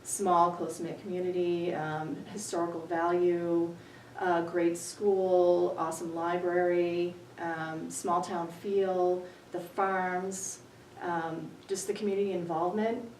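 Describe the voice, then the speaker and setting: A woman's voice: fairly low pitch, level tone, a little mellow. Earnest woman from New Hampshire, roomy. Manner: earnest, measured, with many ums. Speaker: town budget committee candidate. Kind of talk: local candidate interview. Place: town library room. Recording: echoey room, far from mic, faint hum.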